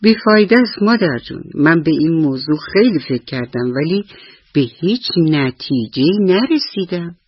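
A woman storyteller voicing a lonely little boy squirrel in a radio story, in a husky, plaintive way. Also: sits low, expressive, dry recording, dull audio. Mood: sad, puzzled.

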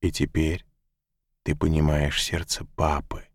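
A man reading as a calm, gentle wise woman. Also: a bass voice, a little slow, slightly rough, no room sound, studio quality, voice pushed down, full character voice. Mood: tender. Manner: quiet, patient, softly insistent. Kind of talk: audiobook narration.

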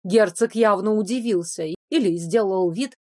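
A woman reading a romance audiobook in the first person, with steady storytelling. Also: mid-range voice, normal speed, no room sound, clean studio sound. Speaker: audiobook narrator.

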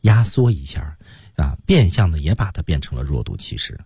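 Male radio teacher, low husky voice, lively intonation, patient explainer. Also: no room sound. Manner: explains slowly, models lines in English. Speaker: English reading teacher.

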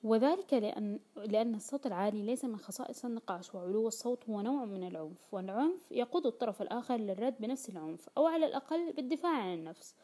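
A woman's voice: fairly high pitch, animated, rapid-fire, mellow. A woman reading a self-help audiobook aloud, explaining points and quoting everyday dialogue in colloquial speech. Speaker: audiobook reader.

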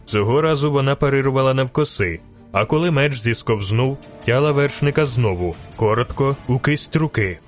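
A man reading a dramatic audiobook in measured, clipped phrases. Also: medium pitch, animated, faint music behind. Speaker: audiobook narrator.

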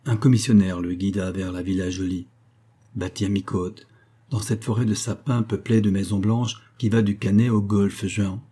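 Husky, dark-voiced male narrator. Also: fairly low pitch, steady tone, normal speed. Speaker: audiobook narrator. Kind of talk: scripted narration.

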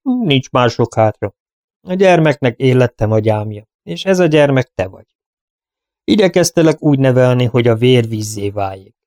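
A man voicing an aging male cowboy guardian, guilt-ridden and fearful, speaking haltingly and often hushed. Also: medium pitch, expressive, no room sound, clean studio sound, lightly acted. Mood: grave.

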